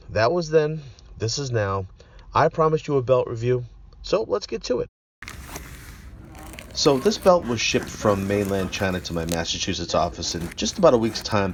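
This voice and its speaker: In a video review, a man delivers scripted narration mixed with enthusiastic unboxing comments, earnest and wordy, with fairly formal wording. His voice is on the low side, with slight background noise.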